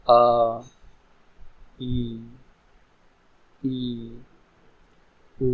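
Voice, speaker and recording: Man teaching english grammar, talks real slow, keeps repeating stuff and checking you got it. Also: mid-range voice, rough recording. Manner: explains slowly, repeating examples and asking "है ना". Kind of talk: grammar lesson.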